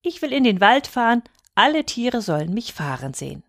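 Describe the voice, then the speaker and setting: A woman voicing a cheeky, demanding little boy who shouts for more in a storybook reading. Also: big pitch swings, moderate pace, dry recording, clean studio sound, heavily acted. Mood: curious. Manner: shrill, shouting, insistent.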